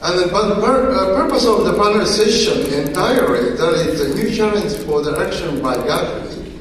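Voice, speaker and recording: A man's voice: high-pitched, lively intonation, normal speed, a little hiss or hum. A man in the audience asking a question, hesitant and stumbling over words. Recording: echoey hall, far from mic.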